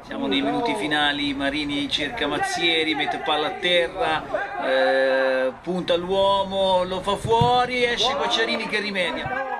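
A man commentating amateur football highlights, brisk play-by-play with frequent hesitations. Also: steady tone, a loud crowd. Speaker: match commentator.

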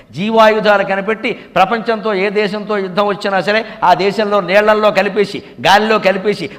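An older man from India giving a devotional discourse as a spiritual speaker, emphatic and animated, often mimicking other people's voices. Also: sits high, big-room sound.

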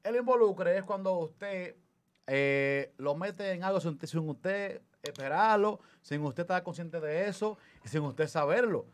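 A man's voice: high-pitched, a little slow. A man, co-hosting a casual panel chat and telling joking stories with animation. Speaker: co-host.

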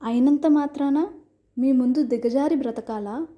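A woman's voice: high-pitched, moderate pace, mellow, close to an everyday voice. Defiant young bride, read by a woman. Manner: indignant, firm. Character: defiant young bride, sharp-tongued and proud. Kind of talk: storybook reading.

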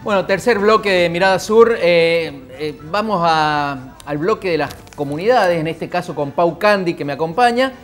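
A middle-aged Argentine-accented man hosts a studio interview. He asks brisk questions in a slightly high voice. Faint music runs behind. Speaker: host. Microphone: lapel mic.

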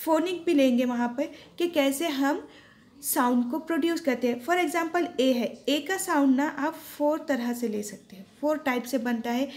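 A woman's voice: sits high, unhurried, darkish tone. A woman with an Indian accent teaching a spoken English class, explaining patiently and repeating words for emphasis.

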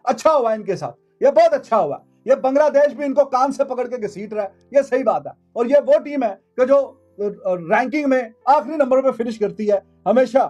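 A man's voice: extremely high pitch, expressive, normal speed, hardly any pauses, darkish tone, muffled recording, soft background music. A man, giving sarcastic cricket commentary in a studio, mocking and repeating phrases for emphasis. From Pakistan. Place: indoor studio.

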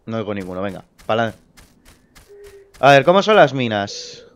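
A young man giving casual let's play commentary, excitable and quick to swear. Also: lowish voice, lo-fi sound. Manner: excitable, swears, laughs at scares. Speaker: gamer.

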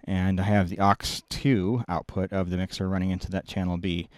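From a small indoor production control room, a middle-aged man explains a technical workflow step by step in an informal tutorial, often correcting himself. He's a video production engineer whose low, slightly mellow voice has a flat delivery and moderate pace. A close boom-mounted microphone captures him with no echo.

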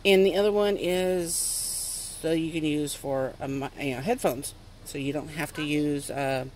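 A little slow and a little mellow, with a voice that sits low, the toy-review mother gives a casual unboxing outdoors on a wooden step next to a house. She explains things bit by bit into a close handheld camera or phone, captured in noisy handheld outdoor audio.

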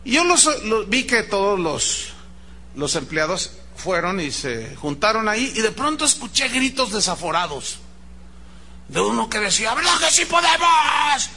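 A man with a Mexican Spanish accent preaching a sermon, animated, imitating shouting crowds and questioning the congregation. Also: sits high, a little slow, slight background noise. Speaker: pastor.

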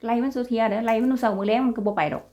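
A woman's voice: on the high side, steady tone, racing, darkish tone. A young woman with an Isan accent chatting casually to her viewers in a vlog, laughing often and calling them brothers and sisters. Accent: Isan (Northeastern Thai). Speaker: vlogger.

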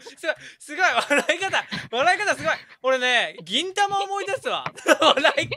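A man hosting a game stream in an animated, teasing way and laughing often. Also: very high voice, background noise. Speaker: host.

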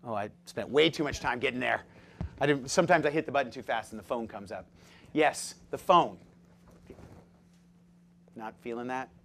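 A man giving a live seminar talk as presenter, jokey and lively, quizzing his audience with questions. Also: medium pitch, normal speed, creaky, long pauses, a little hiss or hum. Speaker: presenter at a dental practice seminar.

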